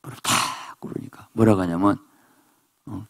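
A man preaching a sermon at a prayer retreat, animated and acting out voices in quotes. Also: normal speed, creaky. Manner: animated preaching, voices characters in quotes, jumps to high exclamations. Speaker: pastor.

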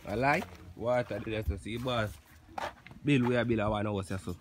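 A young Jamaican man hosts a cooking vlog in an outdoor yard among banana trees, bantering loudly and excitedly in patois to his phone camera. His voice is lowish and his speed normal, and there's loud outdoor background noise.

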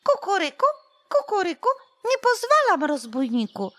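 A woman voicing a squabbling cuckoo in a children's storybook, shrill and indignant. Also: wildly swooping pitch, normal speed, a bit bright, full character voice. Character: loud squabbling cuckoo bird.

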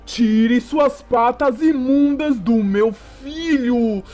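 A man's voice: very high-pitched, very slow, faint music behind, exaggerated voice. A man voicing a fierce, grieving father T. rex. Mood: furious protective. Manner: loud, impassioned and wailing. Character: protective father sword Tyrannosaurus, grieving and fierce.

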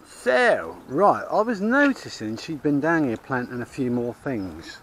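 A man's voice: mid-range voice, very animated, a little slow, over music. A man, chatting casually and rambling through an allotment tour, recorded outdoors on an action camera. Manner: chatty, rambling, many restarts and fillers. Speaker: allotment vlogger. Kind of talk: casual chat. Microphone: action camera, held or chest-mounted.

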